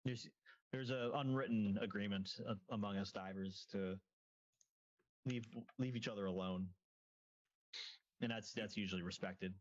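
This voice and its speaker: A man voicing a wary female deep-sea salvage diver in a tabletop game, speaking in a matter-of-fact, shrugging way. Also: fairly even intonation, moderate pace, pauses often, dull audio, lightly acted.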